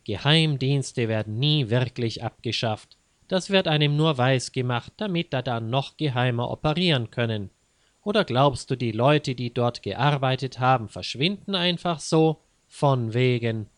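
Male reader doing a paranoid, conspiratorial woman, slow and insistent. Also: mid-range voice, expressive, dry recording, close to an everyday voice. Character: paranoid secretive woman distrusting spy agencies.

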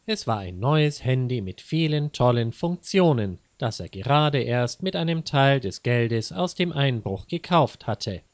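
A man calmly narrating an audiobook story in a measured way. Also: medium pitch, dry recording, clean studio sound.

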